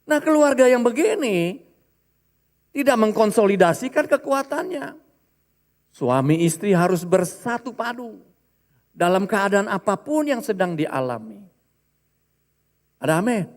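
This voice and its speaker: A male pastor preaching a lively sermon in church, acting out the voices of people he quotes. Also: high-pitched, measured pace, long pauses, in a large hall. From Indonesia.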